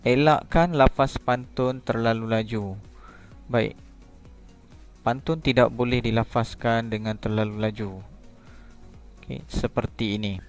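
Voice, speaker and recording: A man's voice: mid-range voice, steady tone, measured pace, long pauses, faint music behind. A man teaching a primary school lesson, explaining patiently step by step. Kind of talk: recorded classroom lesson.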